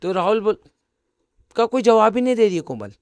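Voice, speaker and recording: A young man casually narrating a horror story, chatting to listeners and murmuring low when he voices the characters. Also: very animated, a little fast, dry recording. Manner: chatty, addresses listeners as guys, mixes English words.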